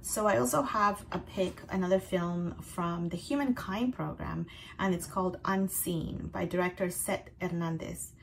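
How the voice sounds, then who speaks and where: A woman with a fairly low voice that often drops into a gravelly fry. She presents recommendations as a host, half-scripted and conversational, explaining in measured phrases. A light ambient noise sits behind her. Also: poor audio. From outside North America. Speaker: festival picks host.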